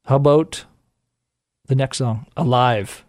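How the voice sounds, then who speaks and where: Male co-host, slow and expressive, dry close sound. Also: mid-range voice, no room sound. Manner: brief interjections. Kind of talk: casual chat.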